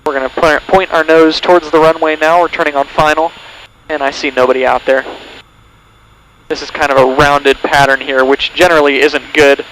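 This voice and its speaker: A man's voice: on the high side, little pitch movement, normal speed, fairly bright tone. A man talking like a pilot over the radio, giving step-by-step instructional commentary from a small plane's cockpit through a headset. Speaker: pilot demonstrating pattern work. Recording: noisy aircraft cockpit headset radio audio. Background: engine drone and radio noise.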